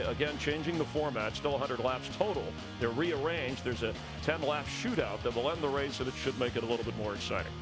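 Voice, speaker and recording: Brisk, bantering man in his fifties. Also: medium pitch. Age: 50s. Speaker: pre-race show host. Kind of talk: live sports broadcast hosting.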